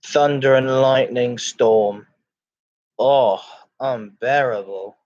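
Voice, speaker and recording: Male livestream host, unhurried and halting delivery, informal chat with viewers, muffled low-fidelity mic. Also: darkish tone. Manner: halting, repeats phrases. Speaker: live streamer, host of a chat and ASMR stream. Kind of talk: casual livestream chat, greeting viewers and reading comments. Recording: dull lo-fi microphone sound.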